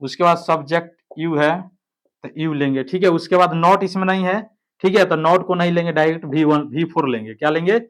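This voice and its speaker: A man's voice: on the high side, brisk. Man teaching grammar, step by step. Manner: explains step by step, keeps checking with "ठीक है". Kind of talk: online grammar lesson.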